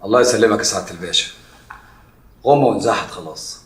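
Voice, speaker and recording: Egyptian street dealer played by an actor, rapid-fire, roomy and off-mic. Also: male voice, lowish voice, lightly acted. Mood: deferential. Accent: Egyptian Arabic. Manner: fawning, then indignant. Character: streetwise neighborhood dealer, proud and touchy. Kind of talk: TV drama acting. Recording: distant, echoey room.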